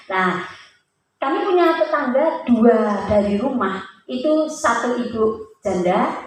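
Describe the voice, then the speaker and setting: Brief: woman, earnest church testimony, distant mic, booming hall echo. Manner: earnest storytelling with questions put to the listeners. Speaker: church speaker giving a testimony. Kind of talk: sermon testimony to a congregation. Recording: very echoey hall, voice off-mic, faint hiss.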